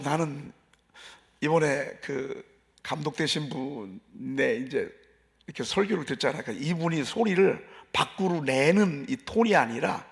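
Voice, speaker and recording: Gravelly folksy Korean pastor preaching. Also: male voice, on the high side. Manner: folksy, emphatic, repeats phrases and asks the congregation questions. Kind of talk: dawn service sermon. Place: church sanctuary.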